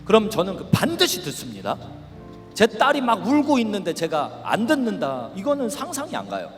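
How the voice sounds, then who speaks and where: A middle-aged male pastor preaching at a youth camp, animated and shouting at the peaks. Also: high-pitched, moderate pace. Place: large worship hall. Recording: reverberant hall with faint music.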